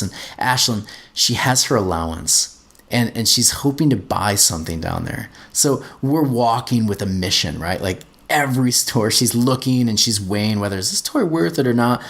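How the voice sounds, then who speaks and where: A middle-aged man, a podcast host, telling a personal story in an earnest way and often repeating words as he gets going. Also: on the low side.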